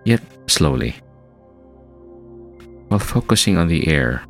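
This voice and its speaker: A man hosting a guided meditation, speaking in a soft, soothing, hushed manner with long calming pauses, like a spa relaxation track. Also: low voice, creaky. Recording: voice over New-age music. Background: New-age music.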